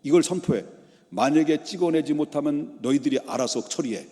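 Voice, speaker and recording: A man's voice: fairly high pitch, lively intonation, a little fast, dark tone, long reverb tail, voice pushed up, lightly acted. A pastor putting on a furious scornful king. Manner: scornful, barking threats. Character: arrogant furious male Egyptian king.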